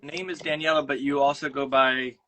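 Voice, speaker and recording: Bright-voiced Minnesotan man hosting a livestream. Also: mid-range voice, steady tone, fairly quick. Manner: rambling, many fillers and restarts. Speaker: host. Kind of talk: casual livestream chat. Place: home studio room. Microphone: phone on a mount.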